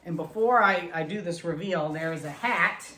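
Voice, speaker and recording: A man's voice: fairly high pitch, moderate pace, sharp tone. An American man in his forties hosting a casual unboxing presentation as a ventriloquist. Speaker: ventriloquist host. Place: indoor puppet studio room. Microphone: camera a few steps away. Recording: echoey room, distant camera mic.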